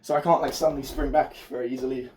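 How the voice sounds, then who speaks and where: A man with a mellow, hoarse voice that is giving out teaches technique in an informal, explanatory way. He is recorded at some distance from the microphone, as an instructor demonstrating moves. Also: medium pitch, fairly even intonation, fast talker, slight background noise. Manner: informal, explanatory, occasional swearing. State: losing his voice, hoarse from a fever. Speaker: martial arts instructor. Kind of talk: spoken technique tutorial with demonstration. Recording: distant mic.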